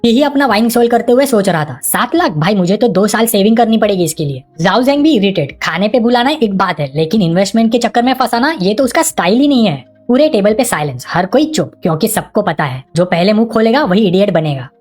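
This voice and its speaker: A woman races through a manhwa recap in brisk storytelling, keeping a steady middle pitch. Faint music plays under her voice throughout. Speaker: narrator.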